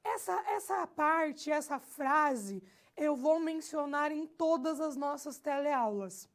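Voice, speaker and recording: A Brazilian woman with a high voice delivers a recorded lecture. She speaks slowly and deliberately and stresses key phrases. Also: expressive. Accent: Brazilian Portuguese. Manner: slow, explanatory, repeats key phrases. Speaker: teacher.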